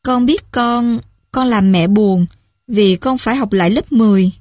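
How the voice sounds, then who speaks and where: A woman voicing a drunk, frightened teenage girl calling home at night, slurred and halting. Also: a little high, darkish tone, no echo, studio quality, lightly acted.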